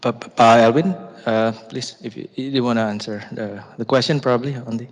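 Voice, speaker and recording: A man moderating a business forum panel, halting with many fillers. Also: medium pitch. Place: conference hall. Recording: reverberant conference hall.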